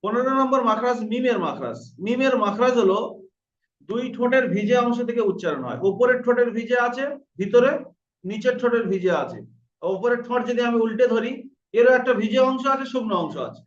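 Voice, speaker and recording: A man with a fairly high voice teaches pronunciation, patiently repeating each sound to show how it is made. He sits back from the microphone in a roomy space, and the recording sounds muffled and lo-fi. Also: slight background noise. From India. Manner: patient, repeats sounds slowly to demonstrate them. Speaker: Quran recitation teacher. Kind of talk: online lesson on pronunciation. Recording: roomy, distant, dull lo-fi sound.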